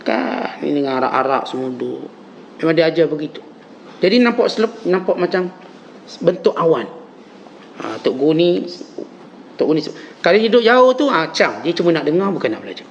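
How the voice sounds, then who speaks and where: Animated Malaysian male preacher. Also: a little fast, creaky. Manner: animated preaching, rising emphatic pitch on key phrases. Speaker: religious teacher. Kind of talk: dawn mosque lecture. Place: mosque lecture hall. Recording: dull lo-fi lecture recording with faint hiss.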